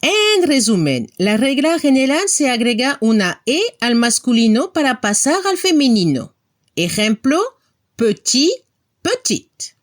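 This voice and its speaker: Woman teacher, slow careful delivery, spells letters out, higher voice, pitch jumps around a lot. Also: very animated. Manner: spells out letters and models pronunciation slowly. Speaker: language teacher. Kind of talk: slow scripted language lesson.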